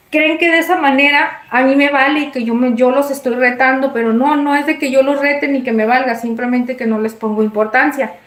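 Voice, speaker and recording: Animated Mexican woman, high voice. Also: roomy sound. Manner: animated, swoops high when retelling scenes. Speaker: live-stream host. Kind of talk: casual storytelling to viewers.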